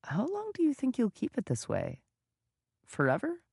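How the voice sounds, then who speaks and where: A man's voice: very high-pitched, huge pitch swings, normal speed, creaky, darkish tone, husky, no room sound, clean studio sound, voice pushed up, exaggerated voice. A man voicing a friend who asks probing, incredulous questions.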